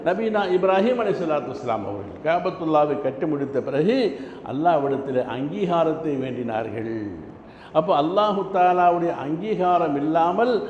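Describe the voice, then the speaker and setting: Guy preaching friday sermon, fairly high voice, long echo, bit muffled and lo-fi. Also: expressive, a little mellow. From Tamil Nadu, India. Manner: measured, listing phrases in rhythmic cadence. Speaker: mosque preacher. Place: large mosque hall. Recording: echoey mosque hall, muffled lo-fi with faint hum.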